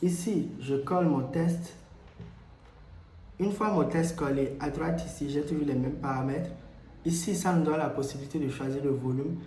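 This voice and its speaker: A man presenting a software tutorial, explaining steps with frequent hesitations and repeats. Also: fairly high pitch, moderate pace, slight background noise. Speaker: tutorial host. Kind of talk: screen-recorded software tutorial. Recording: echoey room.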